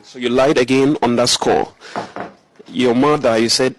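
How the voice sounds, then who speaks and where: Man, mid-pitched, reporter grilling a suspect with pointed repeated questions. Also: steady tone, a little slow, slight background noise. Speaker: interviewer. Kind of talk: confrontational interview and news report.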